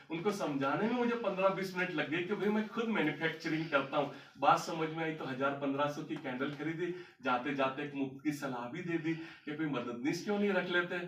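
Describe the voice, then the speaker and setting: A man's voice: on the high side, fairly bright tone, recorded from a distance, slight background noise. A man telling a story about his life to an audience as a motivational speaker, recorded in a large hall. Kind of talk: storytelling talk on stage.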